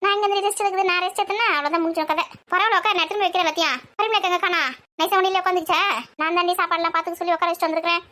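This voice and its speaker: A woman rattles through village family banter at breakneck speed. Her voice sits very high and bright, and she scolds and nags in quick back-and-forth exchanges with the others in the household. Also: steady tone. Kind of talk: acted everyday family banter.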